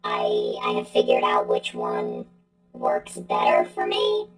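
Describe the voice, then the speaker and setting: A woman's voice: rumbling low, monotone, slow pace, music in the background, pitched below the performer's own voice, low-quality recording. A woman speaking through a robot voice changer that turns her into a robot child, chatting in a rambling way. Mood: flat robotic. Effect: robot voice changer filter.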